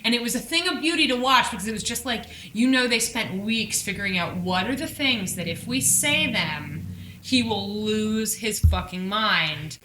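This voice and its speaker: Podcast co-host, woman, bright voice and lively pitch, swears freely while recapping, echoey room sound. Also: moderate pace, a little hiss or hum. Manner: animated, profane recapping. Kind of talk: casual chat. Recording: roomy echo.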